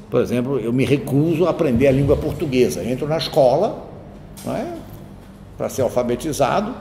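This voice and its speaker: Here a man of medium pitch, with a slightly mellow tone, delivers a university lecture. He reasons aloud, drifting into digressions and checking in with listeners through tag questions, while faint ambient noise fills the roomy hall.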